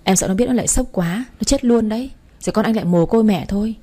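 A woman's voice: medium pitch, quick pace, mellow, close to an everyday voice. A woman voicing a scheming young mistress in a storybook reading, wheedling in a raised voice. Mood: shrill, threatening. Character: scheming young mistress, coy then panicky.

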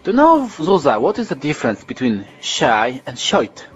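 A man's voice: a little high, wildly swooping pitch, normal speed, muffled recording. A man with a Polish accent chatting on a podcast, explaining slang words and quizzing the others. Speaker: podcast co-host. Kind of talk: casual chat.

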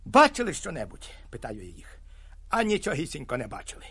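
Male reader doing a chatty aging hunter, storybook yarn, bright lively delivery, dry close sound. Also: on the high side, fast, breathy edge, no echo, voice pushed down, full character voice. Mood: excited. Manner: lively storytelling, animated exclamations. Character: garrulous 56-year-old male hunter telling a tale.

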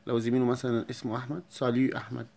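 A man with an Egyptian Arabic accent explaining a beginner lesson, repeating each word slowly and clearly for his pupils. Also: mid-range voice, flat delivery, a little mellow. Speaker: French teacher.

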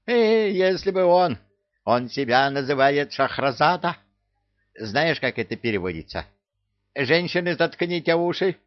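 A man voicing a loud, hysterical male parrot who squawks, gossips and brandishes threats. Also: on the high side, expressive, unhurried, no room sound, highs cut off, pitched above the performer's own voice. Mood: shrieking.

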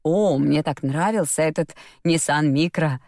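A woman's voice: sits low, measured pace, a little mellow, dry recording, studio quality. A woman voicing a chatty, gushing older woman. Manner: gushing, effusive.

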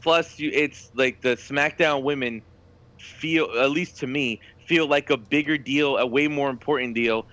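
A man co-hosting a casual wrestling podcast, eager and excitable as he chimes in. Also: medium pitch, unhurried. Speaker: podcast co-host. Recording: dull lo-fi audio.

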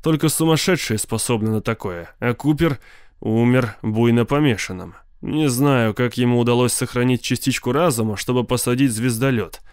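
A man voicing a shaken male newspaper reporter who speaks grimly and slowly. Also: medium pitch, a little mellow, clean tone, no room sound, clean studio sound, close to an everyday voice. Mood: tense. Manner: grim, measured.

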